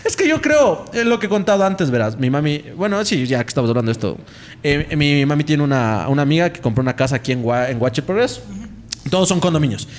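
A man's voice: on the high side, lively intonation, fast talker. A young man, telling a rambling ghost story in casual chat and mimicking the voices in it. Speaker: podcast host.

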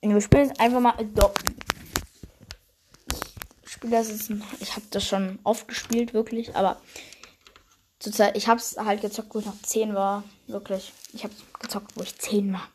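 A woman's voice: medium pitch, flat delivery, moderate pace, long pauses. A young woman casually commenting on her gameplay, grumbling, swearing and muttering half-whispered asides. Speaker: gaming channel host. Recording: noisy home game recording.

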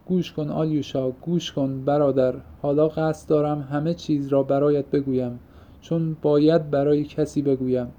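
A man's voice: a little high, steady tone, dark tone, close to an everyday voice. A man reading an audiobook, voicing an impassioned young man who pours out his heart in fervent, poetic outbursts. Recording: muffled lo-fi recording.

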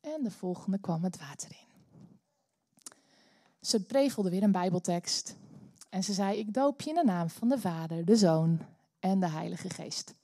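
A Dutch woman preaching a sermon in church, telling a story with animated bursts of energy. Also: mid-range voice, unhurried, long pauses, dry recording, studio quality. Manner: animated, bursts into loud cheering when acting out the story. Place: church hall.

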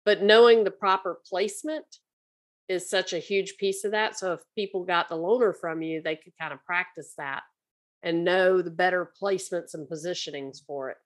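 Podcast host: woman with a lowish voice, easy and encouraging in conversation. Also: moderate pace. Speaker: podcast host, speech pathologist.

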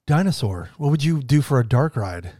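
A man hosting a podcast, lively and jokey, reacting to others and steering the chat. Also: medium pitch, normal speed, no echo, clean studio sound. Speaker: podcast host. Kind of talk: casual chat.

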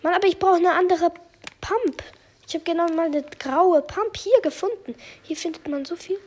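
A young woman giving excited gameplay commentary, often dropping into tense whispers. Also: very high voice, normal speed. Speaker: gamer.

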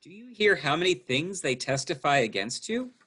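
A man's voice: a little high, sing-song, normal speed, pushed and bright, slightly rough, full character voice. A man reading the parts of a Roman governor and accusers in a dramatized scripture reading, plain and earnest. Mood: questioning. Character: male governor and accusing crowd voices.

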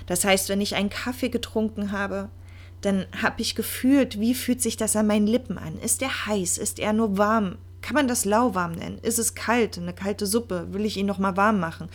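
A woman talks earnestly and reflectively, straight to the listener, about living in the present moment. Her voice sits at a middling pitch for a woman, and she sometimes sinks into a soft, hushed tone. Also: moderate pace. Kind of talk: personal monologue on mindfulness.

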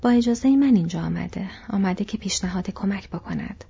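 A woman voicing a tired, anxious young male hobbit in a breathy whisper, as whispered role-play in a storybook reading. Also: medium pitch, animated, warm tone, lo-fi sound, exaggerated voice.

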